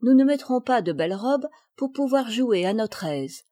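A woman voicing a gentle, earnest little girl. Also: a little high, lively intonation, moderate pace. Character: kind, sensible little girl.

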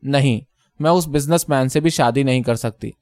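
A man reading the lines of a composed young woman in a story, speaking calmly and matter-of-factly. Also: medium pitch, no echo, clean studio sound, close to an everyday voice. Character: calm self-assured young beautiful woman.

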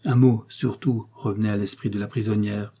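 A man narrating a classic novel as an audiobook, in a measured, dramatic reading. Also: on the low side, fairly even intonation, mellow, breathy edge.

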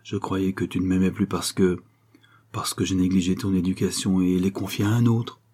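A man's voice: low voice, flat delivery, normal speed, warm tone, husky. A man as a troubled, reassuring painter father. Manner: light but strained, reassuring. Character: troubled, proud middle-aged painter father.

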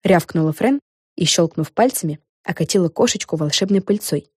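Brief: woman reading a children's audiobook, mellow and lowish, dry close sound. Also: animated, moderate pace, husky, no room sound. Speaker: narrator.

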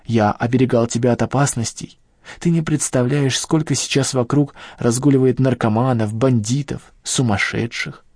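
A man reading an audiobook and voicing an obsessive male kidnapper with a high, sharp voice and pathetic, self-righteous outbursts. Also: fairly even intonation, normal speed, no echo, clean studio sound, natural voice. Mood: offended. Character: obsessive unhinged male kidnapper, shrill and hysterical.

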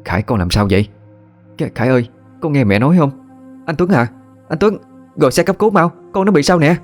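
A man's voice: on the low side, a little fast, a little mellow, soft background music, natural voice. A male narrator voicing a frantic middle-aged mother, panicked and pleading.

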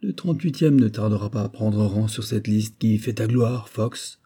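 A boisterous, hunting-mad army captain from an audiobook novel, as a man reads him out. He bursts out his lines, higher and louder than the narration. The voice stays dark and husky underneath. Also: normal speed. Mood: hearty.

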